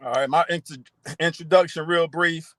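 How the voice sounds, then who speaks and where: A man's voice: on the high side, fairly even intonation, normal speed, fairly bright tone, dry recording. Matter-of-fact man from Florida, dry sound. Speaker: panelist, film producer. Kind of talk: casual introduction. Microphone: video call.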